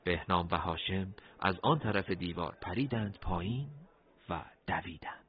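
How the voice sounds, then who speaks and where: A man narrating a dramatic story in an expressive, animated reading, on a dull lo-fi recording. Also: low-pitched, breathy edge.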